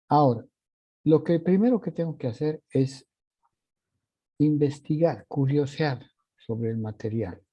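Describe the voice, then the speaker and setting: Male composition teacher, husky gravelly voice, scats rhythms mid-lesson, muffled lo-fi recording. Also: medium pitch. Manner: vocalizes musical articulations with syllables. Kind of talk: orchestration workshop lesson. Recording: dull lo-fi recording.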